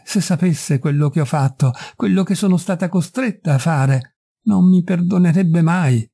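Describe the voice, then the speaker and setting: A man's voice: fairly high pitch, mellow. A man voicing a distraught young noblewoman who pleads and confesses in an audiobook reading. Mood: imploring. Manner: imploring, breathless pleading.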